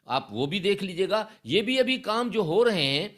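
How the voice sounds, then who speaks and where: A man's voice: sits high, sing-song. A man speaking as an election candidate in an interview, assured and persuasive. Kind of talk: interview answers.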